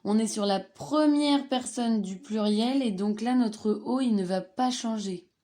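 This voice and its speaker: Slow, mellow teacher woman. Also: a little high. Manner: patient, stresses and repeats conjugated forms slowly. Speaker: Spanish teacher. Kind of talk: slide-based grammar lesson.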